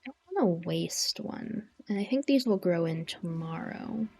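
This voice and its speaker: A Canadian woman livestreamer chatting casually over a game, rambling in a sleepy, low-key but playful way. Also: animated, normal speed, vocal fry, mellow. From British Columbia, Canada. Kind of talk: casual chat while playing a farming game. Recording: music behind the voice. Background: music.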